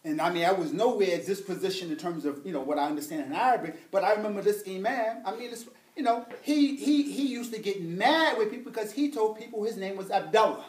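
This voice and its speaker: A man's voice: sits high, fast, hardly any pauses. Man, classroom teacher, patient explainer, echoey room, distant mic. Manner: patient, explains with examples, laughs easily. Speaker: Arabic grammar teacher.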